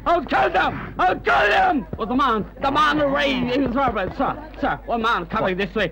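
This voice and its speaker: A furious cheated tourist yelling broken english, high gravelly voice, slow, music behind. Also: male voice, exaggerated voice, low-quality recording.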